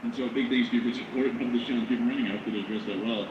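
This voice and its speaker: A man from the United States co-hosts a livestream in a radio-announcer voice of medium pitch. He chats casually and reads out supporter messages. The recording is roomy and noisy. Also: fairly even intonation, racing. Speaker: co-host of live news stream. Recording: roomy, dull lo-fi, clear background noise.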